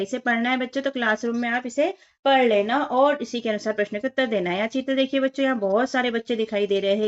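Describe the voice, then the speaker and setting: Woman teacher reading words slowly. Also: a little high, muffled recording. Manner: reads words slowly one by one, addresses children directly. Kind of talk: workbook lesson for children.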